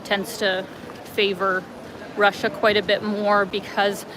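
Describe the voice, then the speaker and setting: City traffic and passing vehicles rumble clearly behind a travel vlogger as she walks in light rain, reading viewer comments on her livestream and chatting casually with plenty of fillers. Her voice is medium-pitched and flat, and she takes things slowly.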